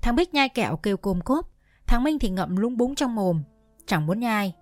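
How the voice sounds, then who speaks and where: Steady woman narrating a story. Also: a little high, moderate pace, no room sound, faint music behind. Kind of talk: scripted audiobook narration.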